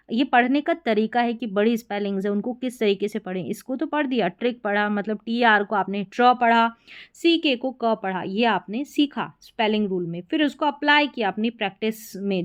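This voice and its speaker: Woman teacher, patient, repetitive, slightly high voice, spelling lesson. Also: a little fast. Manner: patient, repeats points and checks with "theek hai". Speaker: English teacher. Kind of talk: explaining spelling rules in a lesson.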